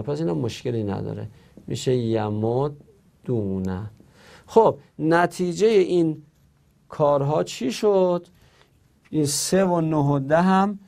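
A man's voice: mid-range voice, gravelly, mellow. A man teaching an Arabic grammar lesson, explaining step by step and answering his own questions.

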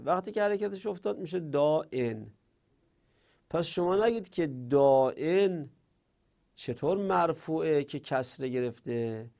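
A man's voice: mid-range voice, warm tone. A man teaching a grammar lesson to a class, explaining each rule step by step and answering objections he imagines his students raising.

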